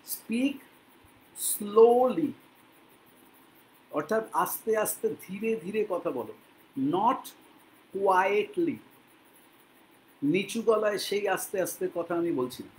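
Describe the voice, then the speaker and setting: High-voiced Bengali man teaching English. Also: expressive, slight background noise, poor audio. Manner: patient, repeats words slowly for learners to copy. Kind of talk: spoken English lesson in Bengali.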